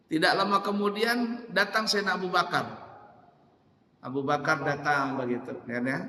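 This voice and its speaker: A man gives a casual storytelling sermon, animated and jokey, often repeating his phrases for effect. His voice sits a little high and rings bright and forceful. The sound is roomy, trailing a long hall reverb. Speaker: preacher.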